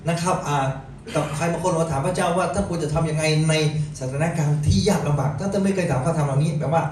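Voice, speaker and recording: Fast-talking male sermon interpreter. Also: on the high side, a little mellow. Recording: very echoey hall, distant, noisy.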